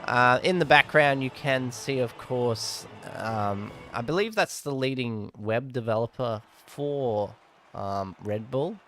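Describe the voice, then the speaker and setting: A man's voice: mid-range voice, slow, fairly bright tone, faint music behind. A man giving casual, rambling live commentary on a sim race, often correcting himself.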